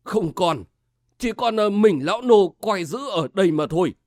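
A man voicing a timid old male servant who guards a gate, speaking slowly and hesitantly with a quavering voice. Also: high voice, lively intonation, no echo, clean studio sound. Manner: slow, quavering, hesitant with fillers.

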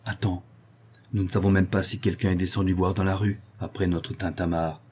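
A man's voice: low voice, level tone, brisk, a little mellow, breathy edge. A man voicing a blunt, jovial craftsman in a spoken storybook, with a wry way of talking.

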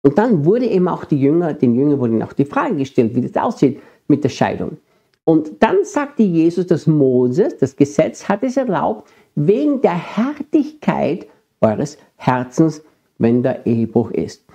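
A man's voice: fairly high pitch, sing-song, measured pace, dark tone, slightly rough. A middle-aged man with an Austrian accent preaching a sermon, earnestly addressing his congregation. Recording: dull lo-fi sermon recording.

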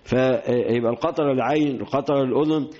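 A man's voice: medium pitch, quick pace, darkish tone, muffled recording. A man with an Egyptian accent teaching a religious lesson, repeating key phrases and mixing colloquial explanation with classical quotations. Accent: Egyptian Arabic. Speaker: sheikh teaching hadith.

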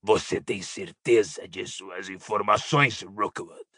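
A man voicing a cold, cruel dark lord in an audiobook, speaking slowly with quiet, icy menace. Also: on the low side, no echo, studio quality, pitched below the performer's own voice, heavily acted. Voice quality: cold, creaky and husky. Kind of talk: audiobook character voice.

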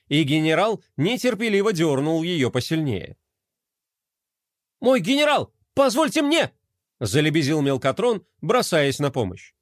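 Animated male children's-story narrator. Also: a little high, no room sound, studio quality.

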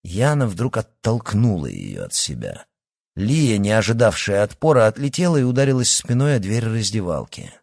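Low husky male audiobook narrator. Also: moderate pace, no echo, clean studio sound. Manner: expressive, dramatic storytelling.

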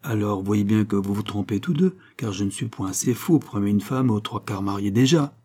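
A man's voice: lowish voice, brisk, dark tone, husky. A man reading the part of a scheming young impostor dandy in an audiobook, lifting his voice a little for the lines. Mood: sly.

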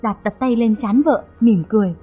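High-voiced woman narrating a story. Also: normal speed, dark tone, breathy edge, highs cut off, faint music behind. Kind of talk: dramatic audio story narration.

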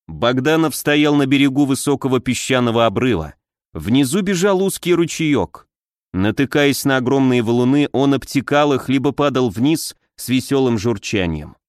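Male audiobook narrator, steady reading, dry studio sound. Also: medium pitch, no room sound. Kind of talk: scripted narration.

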